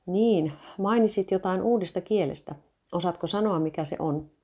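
A woman's voice: on the low side, dark tone, close to an everyday voice. Woman reading as a stern old clergyman father. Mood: wondering. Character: stern older male clergyman father, quick-tempered. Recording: dull lo-fi recording.

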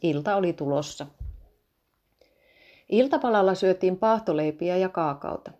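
A woman narrating a children's story in a calm, even storytelling manner. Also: on the low side, highs cut off. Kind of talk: storybook reading.

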